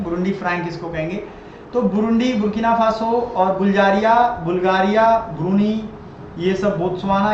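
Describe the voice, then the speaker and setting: A man's voice: sits high, a little hiss or hum. A man teaching an exam-prep general knowledge lesson, who repeats each answer and quizzes the viewer. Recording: very echoey, dull lo-fi room audio.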